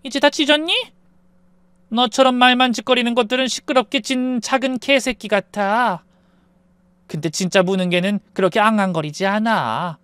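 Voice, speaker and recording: A man voicing a calm, menacing middle-aged mother who talks slowly and softly in a Korean story narration. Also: medium pitch, clean tone, no echo, pitched above the performer's own voice, natural voice. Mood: coldly menacing. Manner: slow, soft and chillingly calm.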